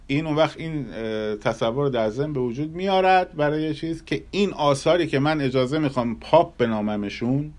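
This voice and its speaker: A man giving a measured lecture on Persian classical music, pausing often and sometimes humming melodies to illustrate. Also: mid-range voice, a little mellow. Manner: hums and scats melodies to illustrate; measured, thoughtful delivery with pauses.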